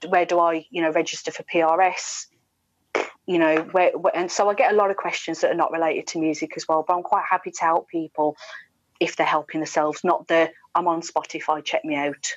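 Low-pitched and flat, though fairly quick, a British woman in her forties talks candidly as a radio presenter under interview via video call from an indoor room at home. She's chatty and emphatic with mimicked asides, speaking into a wired earphone headset. There's no echo, but the highs are cut off.

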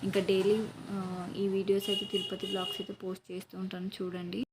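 A woman's voice: medium pitch, monotone, quick pace. A woman vlogger and mother chatting through a casual travel vlog, explaining each step as she goes, from inside a moving car. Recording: road and car noise behind.

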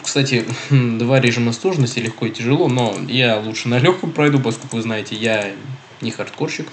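Congested from a cold, a young gaming host with a medium-pitched, nasal voice chats loosely as he plays, reading the game's text out loud and catching his own mistakes as he rambles. Some slight hiss or hum can be heard.

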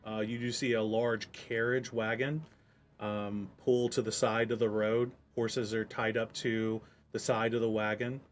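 A man narrating a tabletop game as game master, in a relaxed way with frequent ums. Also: lowish voice, a little slow, slight background noise.

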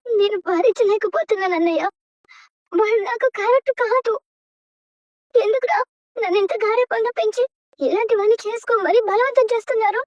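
A woman's voice: very high voice, no room sound, lo-fi sound. An actress playing a spirited young woman who angrily refuses an arranged marriage in a TV serial drama. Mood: upset. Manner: indignant, sharp, fast retorts. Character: spirited young woman, bride-to-be, angry and defiant.

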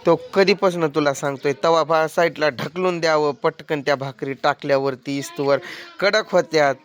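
A man talks in a nagging, exasperated way, scolding his family through a comic skit of village life. His voice sits a little higher than most men's. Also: steady tone, normal speed. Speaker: comic vlogger.

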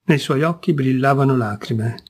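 A man narrating a classic short story in a measured, expressive storytelling voice. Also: medium pitch, breathy edge. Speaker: audiobook reader. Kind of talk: scripted literary narration.

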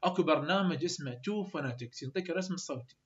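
A man's voice: fairly high pitch, animated, rapid-fire. A man with an Iraqi Arabic accent tutoring university English students for an exam, urging them on and mixing in English terms. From Iraq. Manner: urgent, exhorting students, mixes English terms. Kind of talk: exam-review lecture. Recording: dull, lo-fi recording.

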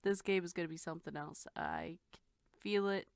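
A woman hosting a reaction video, talking casually and excitedly and swearing freely. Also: fairly low pitch, a little fast, creaky, dry recording. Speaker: host.

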